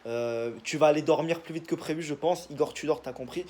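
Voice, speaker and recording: A man's voice: fairly high pitch, fairly quick, darkish tone. A young man, casually giving his football predictions in a rambling, joking monologue full of fillers. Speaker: football video creator.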